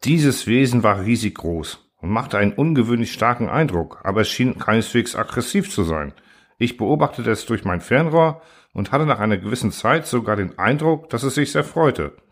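A man reading a first-person science fiction story aloud in a calm, even storytelling manner. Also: medium pitch, normal speed. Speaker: audiobook narrator.

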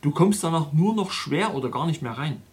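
A man's voice: fairly high pitch, expressive, brisk, lightly acted. A man doing a firm, practical travel companion. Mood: calm advice.

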